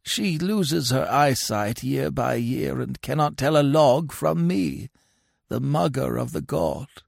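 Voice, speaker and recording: A man voicing an old, hypocritical male crocodile who speaks gently and preachily, drawing out his words. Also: medium pitch, slow, gravelly, no echo, studio quality, voice pushed up, heavily acted. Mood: sanctimonious.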